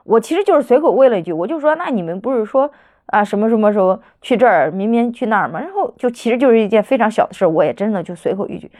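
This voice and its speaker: A woman's voice: on the high side, animated, very fast, darkish tone. A woman in her thirties hosting a casual solo podcast, rambling and venting as she retells things. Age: 30s. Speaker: podcast host.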